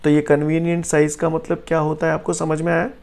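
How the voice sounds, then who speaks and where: Male physics teacher, gravelly voice, slightly high, jokey and teasing, keeps checking the class understands. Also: fast. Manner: jokey, keeps asking "clear?" and "bolo bhaiya"; swings from low explaining to loud excited teasing. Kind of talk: classroom lecture.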